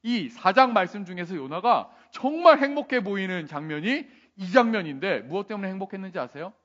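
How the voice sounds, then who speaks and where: A man's voice: sits high, a little fast, highs cut off. A male pastor telling a Bible story in a playful sermon, asking the listeners questions. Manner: animated, playful questions to the audience.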